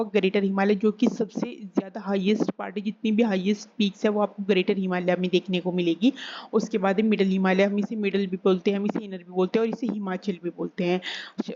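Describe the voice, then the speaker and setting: A woman teaching an exam-prep geography lesson, repeating key terms slowly and asking and answering her own questions. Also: mid-range voice, dark tone. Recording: slightly dull recording with faint hiss.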